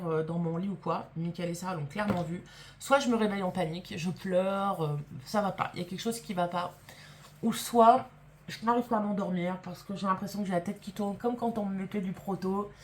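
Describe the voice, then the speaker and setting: A woman's voice: lowish voice, slight background noise. A woman vlogger telling a story to camera in a casual way. She is emphatic and indignant, swears freely, and acts out the people she quotes.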